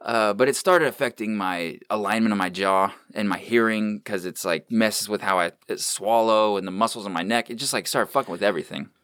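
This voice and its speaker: Laid-back thirties male podcast host, low pitch, dry studio sound, casual and profane. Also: fairly quick, hardly any pauses, fairly bright tone, clear, resonant tone, no echo. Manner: laid-back, swears freely, many fillers. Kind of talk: casual chat. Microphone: studio microphone without headphones.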